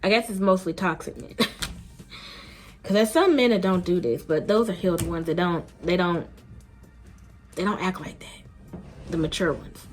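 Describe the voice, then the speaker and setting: A woman's voice: on the low side, measured pace, long pauses, soft background music. A woman vlogger telling a dating story in a blunt, emphatic, slangy way, casually talking to her viewers.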